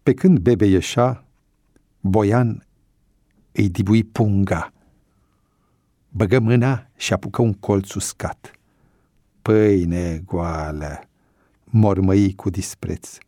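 A man narrating an audiobook story in a measured, even storytelling voice. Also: on the low side, no echo, clean studio sound.

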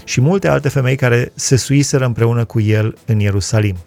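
A man reading Bible passages aloud and explaining them in a measured way, citing chapter and verse. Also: mid-range voice, gravelly, darkish tone, faint music behind. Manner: measured reading with scripture references. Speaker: Bible teacher.

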